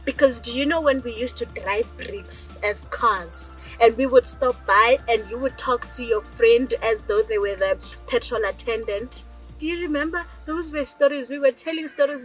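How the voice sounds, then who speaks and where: South African woman, young adult, high voice, chatty, keeps asking the viewer questions, personal vlog to camera. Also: fairly bright tone, rough recording. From rural South Africa. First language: Northern Sotho (Lobedu). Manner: chatty, addresses viewers directly with rhetorical questions. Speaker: storyteller.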